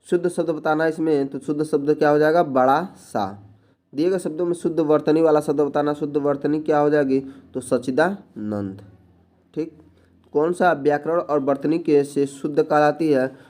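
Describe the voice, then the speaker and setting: A man's voice: medium pitch, darkish tone. A man teaching an exam-prep spelling lesson, going through each answer plainly and often repeating words.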